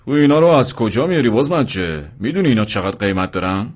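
A man voicing a gleeful shopkeeper who gossips about a customer. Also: fairly low pitch. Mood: excited. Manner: excited, gossipy. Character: gleeful male electronics shopkeeper.

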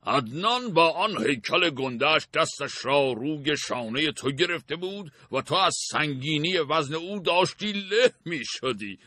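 A man's voice: on the high side, lively intonation, hardly any pauses, sharp tone, dry recording, voice pushed up. A man voicing a cruel, mocking caravan master in an audiobook, with a sneering, taunting delivery. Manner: sneering, taunting, laughs at others. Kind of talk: audiobook character voice.

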